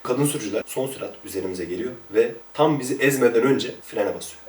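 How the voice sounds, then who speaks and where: A man, a former police officer, telling casual stories about his time on duty in a lively, chatty way. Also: mid-range voice, fast, echoey room, recorded from a distance. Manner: lively, chatty, jumps between anecdotes. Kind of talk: casual anecdotal storytelling.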